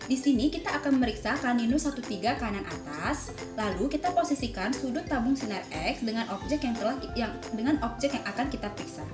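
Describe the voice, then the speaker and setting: A fairly high, expressive voice belongs to a young adult woman who talks fast while demonstrating a dental clinical procedure as a student. She guides politely through each step and role-plays conversation with a patient. The recording is roomy and echoey, with music behind.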